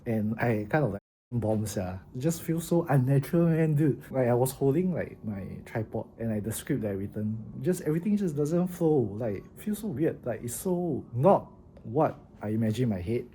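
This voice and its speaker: With slight background noise, a warm mid-range voice belongs to a young Singaporean-accented vlogger trying stand-up comedy for the first time. His travel vlog talk is chatty and self-mocking, and he swears when nervous.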